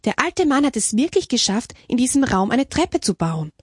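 A woman voicing an older mother superior in a storybook, calm and a bit absent-minded. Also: on the high side, normal speed, husky, no room sound, studio quality, voice pushed up.

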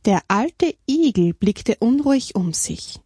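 A woman reading a children's story aloud at a slow, expressive pace. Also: a little high, husky, no room sound, clean studio sound.

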